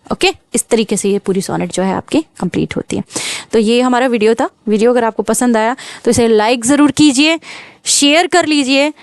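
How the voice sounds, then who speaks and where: A woman teaching poetry for exam prep, explaining patiently, mixing English terms into her talk and reading quoted lines slowly. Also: on the high side, no echo. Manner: explains patiently, checks in with "ok" and "clear"; mixes English terms into Hindi. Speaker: literature teacher.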